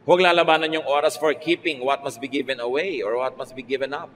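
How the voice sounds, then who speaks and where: A man's voice: medium pitch, fast. Filipino man preaching in a reverberant hall. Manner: conversational preaching, mixing Filipino and English with lively rises. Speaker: pastor. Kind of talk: radio sermon. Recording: faint noise, long reverb.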